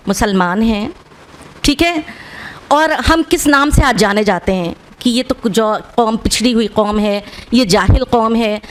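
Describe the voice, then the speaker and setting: A woman giving an earnest public speech as a guest speaker to children and parents in a school auditorium, often checking in with "right?" and mixing in English words. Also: fairly high pitch.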